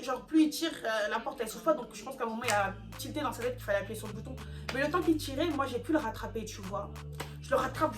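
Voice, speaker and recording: A young woman from France telling a dramatic storytime in a casual vlog, in lively, slangy street talk. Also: on the high side. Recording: music playing underneath.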